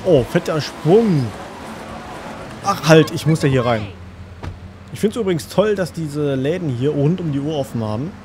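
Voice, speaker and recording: A man's voice: on the high side, animated, moderate pace, background noise. A young man with a German accent giving casual, crude, joking let's-play commentary to his viewers. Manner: joking, crude, talks to viewers, sings along.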